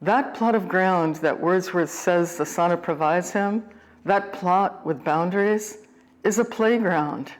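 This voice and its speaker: Measured woman lecturing on poetry. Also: on the low side. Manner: measured, deliberate, reflective. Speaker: poet and series host.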